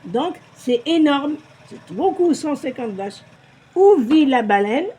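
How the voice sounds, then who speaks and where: A woman teaching a child to read, patient, slow and repeating words. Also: high voice, expressive, warm tone, a little hiss or hum. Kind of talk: patient reading lesson for a child.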